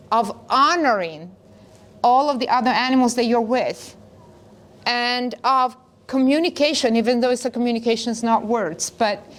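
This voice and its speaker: Earnest middle-aged lady, a bit high voice, rambles on in long phrases. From northern Italy. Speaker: wellness co-host. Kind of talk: casual conversation.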